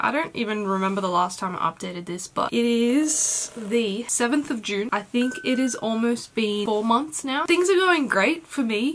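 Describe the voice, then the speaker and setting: A young Australian woman talking to her camera in a casual, excitable vlog update, swearing freely. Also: mid-range voice. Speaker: vlogger.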